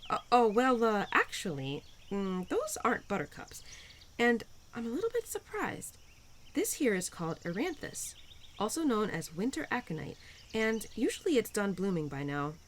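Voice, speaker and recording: In this intimate roleplay, the spring spirit, Mother Nature's pun-loving, cheerful daughter, is lightly acted by a woman whose mood is fond and gentle. Her lively, swinging pitch carries playful teasing and encouragement at normal speed, broken by flustered hesitations. Insects and nature sounds come through clearly, plus a little hiss or hum.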